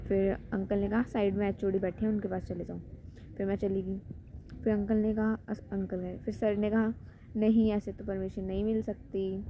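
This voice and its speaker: A woman's voice: mid-range voice, level tone, normal speed, dark tone, slight background noise, low-quality recording. A young woman in her twenties vlogging in a rambling, conversational way. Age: 20s. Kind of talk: casual chatty vlog.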